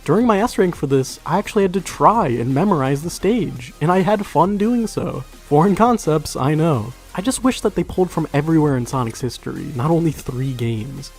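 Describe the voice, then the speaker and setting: A man narrates a video game review in a fairly high-pitched voice. His delivery is conversational but scripted, full of dry sarcasm, and music plays lightly behind him. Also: expressive, normal speed, few pauses, husky. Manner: wry, sarcastic asides.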